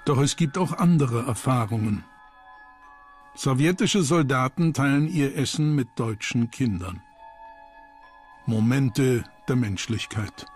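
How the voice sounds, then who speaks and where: A man reading a scripted history documentary narration in a sober, measured manner. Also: medium pitch, lively intonation, a little mellow. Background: background music.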